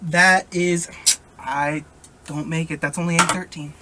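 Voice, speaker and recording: A player in a tabletop game, excitable and playful, laughing often. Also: medium pitch, a little slow, heavy background noise. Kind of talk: casual tabletop play.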